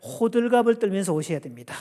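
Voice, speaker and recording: A man giving a lively church family seminar, playfully asking the audience questions and acting out quotes. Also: high voice, fast talker. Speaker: guest seminar lecturer. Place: church sanctuary. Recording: long church hall reverb.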